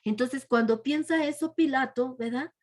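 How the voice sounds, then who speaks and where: Woman, children's Bible teacher, fairly high voice, storytelling with constant soft question tags. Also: normal speed. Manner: tags nearly every phrase with a soft, dropping question tag; frequent restarts and fillers.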